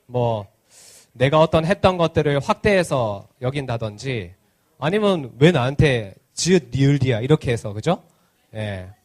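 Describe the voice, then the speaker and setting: A children's pastor keeps his church sermon interactive, asking the kids lots of questions and teasing them in a playful way. He speaks at normal speed with a medium pitch and lively intonation.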